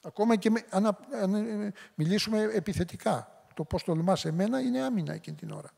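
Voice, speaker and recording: A man's voice: high-pitched, creaky, a little mellow. A middle-aged man giving a public lecture in a conversational way, now and then acting out short quoted lines. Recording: long hall reverb.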